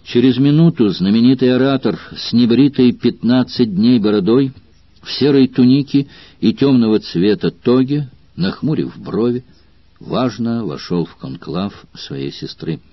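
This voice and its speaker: A man narrating a historical novel in a measured, expressive audiobook reading. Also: mid-range voice, dry recording. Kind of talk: scripted narration. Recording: dull, dry audiobook recording.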